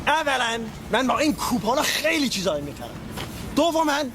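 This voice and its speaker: Comic insult-slinging bum, voiced by a man, very high-pitched, street noise behind. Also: big pitch swings, heavily acted. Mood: taunting. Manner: insulting, taunting. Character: rude loud-mouthed male street bum with coupons.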